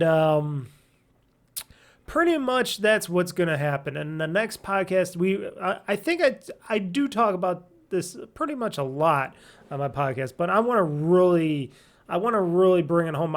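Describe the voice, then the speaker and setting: A man's voice: high voice, vocal fry. Nasal, rambling podcast host man. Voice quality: self-described nasal voice. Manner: rambling and jokey, laughs at himself. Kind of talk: casual solo gaming podcast. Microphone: desk mic at home office.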